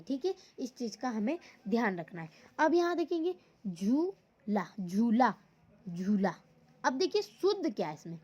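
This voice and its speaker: High-voiced woman teaching patiently. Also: a little mellow, lo-fi sound. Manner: patient, repetitive, says "ठीक है" often, breaks words into syllables. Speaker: school teacher. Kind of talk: online Hindi lesson for young children.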